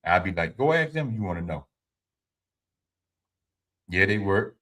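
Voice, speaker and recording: Man in his fifties, low and forceful, livestream host with a preachy advice style. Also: sing-song, unhurried. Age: 50s. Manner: informal and preachy, repeats his points; speaks to viewers directly, answers chat. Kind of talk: motivational talk to a live audience.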